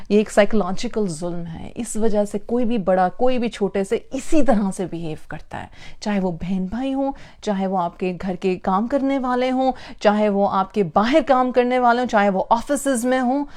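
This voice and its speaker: A woman's voice: mid-range voice, moderate pace, a little mellow. A woman giving an emphatic parenting talk, repeating phrases for stress and mixing in English words. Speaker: parenting speaker. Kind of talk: lecture on parenting.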